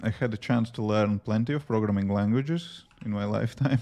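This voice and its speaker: A livestreaming app developer with a Latvian accent, native in Latvian, talks fairly quickly in a mellow, fairly low voice. While coding live, he handles viewer questions between tasks in a rambling, casual manner full of fillers.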